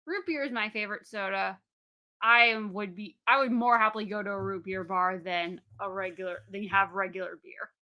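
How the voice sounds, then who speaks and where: A woman in her late twenties co-hosting a podcast in casual chat, playful and teasing, quick to laugh. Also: medium pitch, fairly even intonation, sharp tone. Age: 20s. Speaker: podcast co-host.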